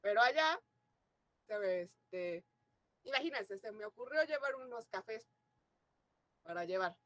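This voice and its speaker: A Mexican woman with a Mexican Spanish accent gives a classroom lecture, explaining ideas and frequently asking her students questions to check in. Her voice is slightly high and a bit bright, with lively intonation and a somewhat slow pace, recorded with no room sound.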